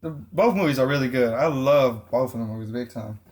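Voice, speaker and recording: A man's voice: mid-range voice, brisk, darkish tone. Rambling casual man chatting about movies. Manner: rambling, many fillers, laughs often. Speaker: co-host.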